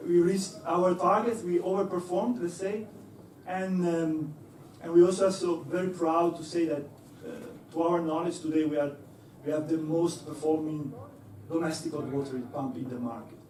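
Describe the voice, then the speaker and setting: A young male engineer delivers a talk in an echoey lecture hall, captured from afar with a little hiss or hum. His voice is fairly high, steady, a little mellow, at normal speed. He's hesitant, laughs easily, and uses plenty of fillers and restarts.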